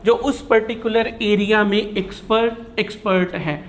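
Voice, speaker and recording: A man's voice: high-pitched, fairly even intonation, unhurried. A man giving a chatty classroom lecture, teasing his students and mixing in English terms. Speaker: teacher.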